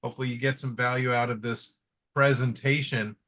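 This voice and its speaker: A man's voice: mid-range voice, steady tone, a little fast, pushed and bright. A man hosting a live trading webinar, talking in a friendly casual way with many fillers and restarts. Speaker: webinar host.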